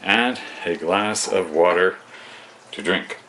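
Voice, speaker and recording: Cooking and cleaning up at home, this vlogger chats to himself in a distracted, rambling way. He speaks slowly in a low voice that sounds pushed and bright. The low-quality recording carries a little hiss or hum.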